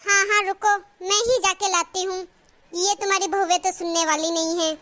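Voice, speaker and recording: A woman's voice: very high voice, level tone, moderate pace, pushed and bright. A woman voicing a nagging middle-aged mother-in-law in a cartoon, calling out and scolding her daughters-in-law.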